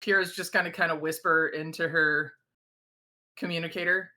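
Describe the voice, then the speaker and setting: A woman playing in a tabletop game, chatting in quick, giggly banter. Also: low voice, fairly even intonation, sharp tone. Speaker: player. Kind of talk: casual tabletop play.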